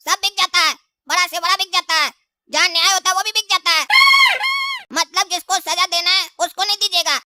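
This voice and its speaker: A woman's voice: very high voice, pushed and bright, no echo, studio quality, full character voice. A woman voicing an indignant young male witness in a comedy skit, with a whiny, sarcastic way of complaining.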